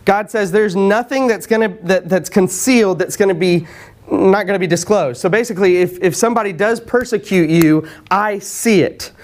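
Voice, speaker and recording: A man preaching a sermon in a conversational way, often repeating words and clearing his throat. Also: sits high, normal speed, darkish tone. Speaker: pastor.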